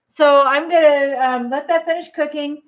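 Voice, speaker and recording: A woman's voice: sits high, fairly even intonation, normal speed, lo-fi sound. A grandmother hosting a cooking livestream from her home kitchen, chatting casually and speaking straight to her viewers.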